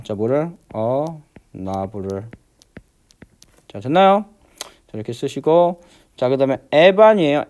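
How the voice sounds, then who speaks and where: A man's voice: mid-range voice, darkish tone. Man teaching grammar, checking in often. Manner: repeats check-in questions, many fillers; slows down to spell out English words. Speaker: English teacher. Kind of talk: grammar lesson walkthrough.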